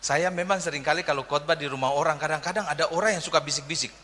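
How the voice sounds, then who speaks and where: A man's voice: a little high, fast talker, bright, forceful tone, a little hiss or hum. A man, a pastor, preaching a humorous sermon, telling jokes and stories and acting out the people in them. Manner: joking, storytelling, acts out characters in quotes. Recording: long reverb of a hall.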